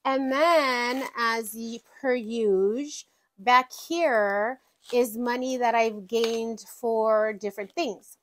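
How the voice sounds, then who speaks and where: Budget vlogger, woman, light raised pitch, chatty and informal, counts bills aloud, talks to her binders. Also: takes it slowly, a little hiss or hum. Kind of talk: casual chat while counting cash.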